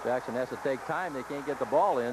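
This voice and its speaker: A man's voice: mid-range voice, quick pace. A man giving live basketball analysis as a color commentator. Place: basketball gymnasium. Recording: very noisy live gym broadcast.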